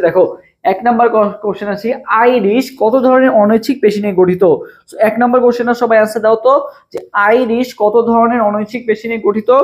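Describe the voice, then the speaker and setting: A young man with a Bangladeshi Bengali accent teaching a live online admission-test class, repeating each question over and over and urging viewers to comment their answers. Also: high-pitched. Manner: fast, repetitive, drills each question over and over. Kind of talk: live-streamed exam prep class.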